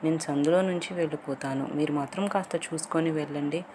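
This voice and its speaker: A woman voicing a friendly, teasing young man in an audio love story, in her own low voice. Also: fairly quick, background noise, natural voice. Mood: scolding.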